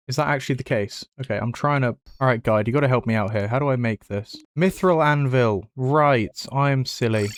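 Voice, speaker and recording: A man's voice: medium pitch, no echo. A man talking casually over his own gameplay, chatty and self-mocking with sarcastic asides. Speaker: gaming YouTuber.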